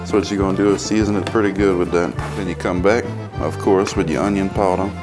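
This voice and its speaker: A man's voice: deep voice, fairly even intonation, quick pace, over music. A man with a Cajun accent hosting a casual cooking demonstration as the chef, talking in a folksy, colloquial way. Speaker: cooking show host and chef.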